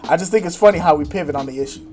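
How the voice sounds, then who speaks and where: High-voiced animated man chatting. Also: very fast, soft background music. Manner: animated, profane, laughs often. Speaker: podcast co-host. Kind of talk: casual chat.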